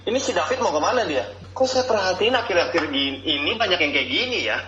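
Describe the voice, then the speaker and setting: A man's voice: high-pitched, expressive, fast talker, bright, forceful tone. An Indonesian man playing an angry, sarcastic boss scolding his staff in a meeting. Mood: indignant, sarcastic. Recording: roomy, echoey, dull lo-fi sound.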